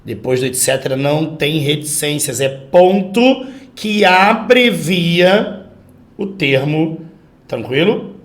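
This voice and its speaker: A man with a Brazilian accent teaching an online grammar class, lively and emphatic, acting out example sentences. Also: a little high, slow pace. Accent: Brazilian Portuguese. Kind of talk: online exam-prep grammar lesson.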